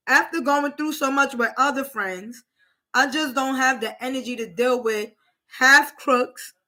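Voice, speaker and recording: A woman's voice: high voice, bright, forceful tone. A woman hosting a livestream, ranting casually and profanely to her viewers, emphatic and repetitive. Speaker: livestream host. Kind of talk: casual rant to live viewers.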